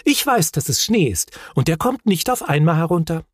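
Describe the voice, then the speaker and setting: A man's voice: a little high, big pitch swings, normal speed, slightly rough, no room sound, studio quality, voice pushed up. A man voicing a timid, worried young male troll in a storybook reading. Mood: earnest. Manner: anxious, soft.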